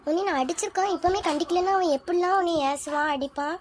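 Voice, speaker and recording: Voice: very high-pitched, quick pace, slight background noise. A child playing a stern scolding mother. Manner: firm, scolding. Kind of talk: home family skit.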